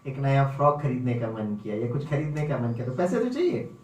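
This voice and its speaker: A man's voice: medium pitch, very animated, fairly quick, a little mellow, far from the mic, pitched below the performer's own voice, close to an everyday voice. A man voicing a cheeky little schoolgirl who pleads playfully with her teacher, in a roomy hall. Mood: pleading.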